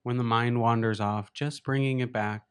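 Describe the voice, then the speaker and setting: A meditation teacher leads a guided session in a smooth, mid-range voice with fairly even intonation. He speaks gently and without hurry, leaving long pauses.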